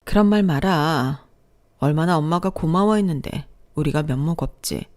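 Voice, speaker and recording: A woman voicing a middle-aged sister-in-law who comforts kindly and scolds loudly. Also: low voice, normal speed, close to an everyday voice. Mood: consoling. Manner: loud, scolding outbursts.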